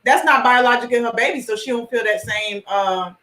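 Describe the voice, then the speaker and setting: A woman's voice: on the high side, a bit bright. Hesitant woman co-host in an echoey room. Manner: hesitant, measured, many fillers. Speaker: podcast co-host. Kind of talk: casual panel chat.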